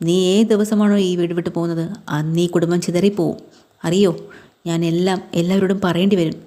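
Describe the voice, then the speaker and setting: A woman's voice: lowish voice, fairly even intonation, a little fast, warm tone, close to an everyday voice. A woman voicing a stern, wounded husband who feels betrayed, reading his lines in her own voice.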